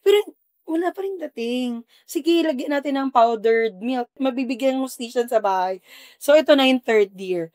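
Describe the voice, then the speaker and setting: A woman's voice: high-pitched, normal speed, darkish tone, no room sound, studio quality. A woman guest on a podcast, telling her business story with feeling and acting out her own past remarks. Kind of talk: casual podcast conversation.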